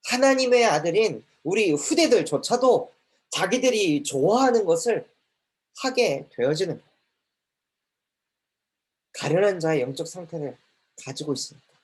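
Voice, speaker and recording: A man's voice: high-pitched, sing-song, normal speed, long pauses. A man preaching a sermon to a children's ministry, emphatic, with repeated phrases that rise and fall.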